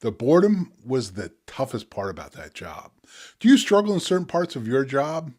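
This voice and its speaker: A man's voice: medium pitch, sing-song, normal speed, a little mellow, slightly rough. A man in his sixties speaks as a poet and presenter. He addresses his audience in a reflective, conversational way, explaining as he goes.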